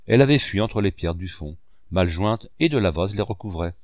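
A man narrating an audiobook of a classic novel in a measured, expressive reading voice on a close mic. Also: low-pitched, dry recording.

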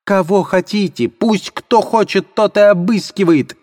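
A frantic impoverished widow, as a male reader puts her on, shrieks and pleads in a shrill, raised voice. Her outcries tumble out in a breathless rush. It is a character voice in an audiobook reading. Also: measured pace, natural voice.

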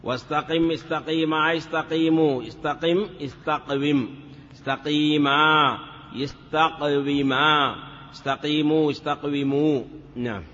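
A man's voice: fairly high pitch, fairly even intonation, unhurried, fairly bright tone. A male teacher giving a grammar lesson, chanting word forms in a sing-song drill and often saying "yes" between steps. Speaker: teacher of Arabic morphology. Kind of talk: classroom lecture. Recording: dull lo-fi recording with long reverb.

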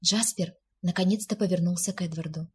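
A woman narrating an audiobook at a measured pace. Her voice sits low and is strongly breathy and husky. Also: fairly even intonation, darkish tone.

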